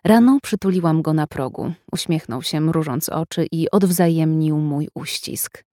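Calm woman reading a first-person story. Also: sits low, unhurried, no room sound, studio quality. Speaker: audiobook narrator. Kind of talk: scripted first-person narration.

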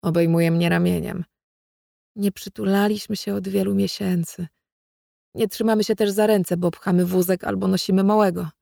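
A woman reads a literary novel in the first person, detached and measured. Her voice has a gravelly, creaky texture. The recording is close and dry. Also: fairly low pitch, dark tone, no echo. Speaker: narrator.

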